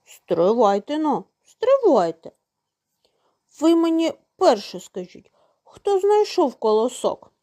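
A woman voicing a hardworking, patient little rooster in a storybook tale, calling out loudly and asking pointed questions. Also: a little high, sing-song, measured pace. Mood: reproachful. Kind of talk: storybook character voice.

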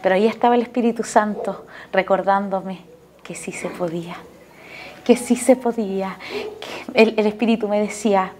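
A woman's voice: medium pitch, steady tone, moderate pace, dark tone, slight background noise. A woman with a Chilean accent giving an emotional faith testimony in a TV interview, earnestly turning to speak to the pastor again and again. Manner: earnest, keeps addressing the pastor directly.

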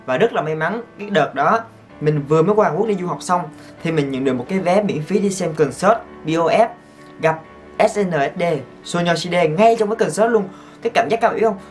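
Excitable man. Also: sits high, a little fast, faint music behind. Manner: excitable, exclamatory, gushing. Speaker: vlogger. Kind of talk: casual storytelling to viewers.

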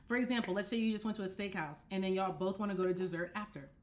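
A young woman hosting a casual dating-advice talk from her apartment, speaking straight to the camera, animated and direct, often checking that listeners follow. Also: medium pitch, fast talker. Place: apartment living room, indoors.

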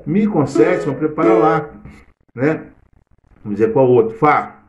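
In a lo-fi recording with a noisy background, a middle-aged man with a Brazilian Portuguese accent teaches cavaquinho live and casually. His voice is a little high and expressive and his pace a little slow as he chats about theory while playing, now and then humming or singing. The room echoes and the cavaquinho is loud.

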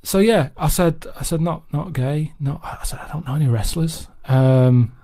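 Deadpan man rambling. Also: fairly high pitch, normal speed. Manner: deadpan, rambling anecdote with repeated "I said". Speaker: podcast regular telling a story. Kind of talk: casual chat.

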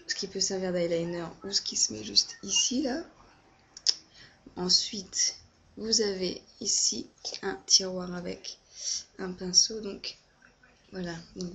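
A woman's voice: medium pitch, a little hiss or hum. A young woman casually reviewing a makeup palette in her first vlog, hesitant and full of fillers. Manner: hesitant, many fillers and self-corrections. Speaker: beauty vlogger. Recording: dull lo-fi home webcam audio.

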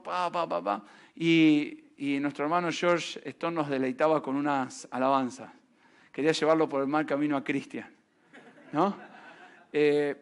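A man preaching a sermon, animated and quick to throw in rhetorical questions and jokes. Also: very high voice.

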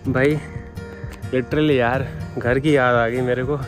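A man's voice: mid-range voice, steady tone, takes it slowly, music in the background. A man in his twenties talking casually to viewers while filming himself outdoors on a hillside. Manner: chatty, addresses viewers as bhai. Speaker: vlogger. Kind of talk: casual travel vlog. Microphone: phone camera at arm's length.

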